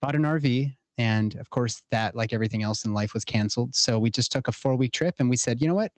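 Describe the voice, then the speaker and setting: A man's voice: medium pitch, fairly even intonation, fairly quick, dry recording. A man in his thirties talking as a podcast guest, earnest and playful. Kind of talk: casual chat.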